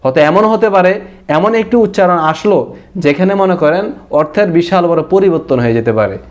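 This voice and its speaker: A man's voice: sits high, lively intonation. Emphatic Bangladeshi man teaching recitation. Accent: Bangladeshi Bengali. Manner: emphatic, repeats his points; stretches out words slowly when demonstrating. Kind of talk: explanatory lesson.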